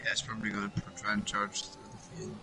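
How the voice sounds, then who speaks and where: A man's voice: fairly low pitch, monotone, quick pace, pushed and bright, soft background music, rough recording. A man co-commentating an online racing league in a laid-back, chatty way. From Norway. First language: Norwegian. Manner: laid-back, short agreeing replies. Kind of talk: casual commentary chat.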